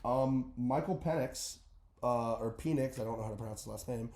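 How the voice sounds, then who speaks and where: A man's voice: medium pitch, normal speed, dark tone. Rambling young man in a roomy room. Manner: rambling, hesitant with many fillers. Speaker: podcast host. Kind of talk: casual sports podcast chat. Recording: roomy echo.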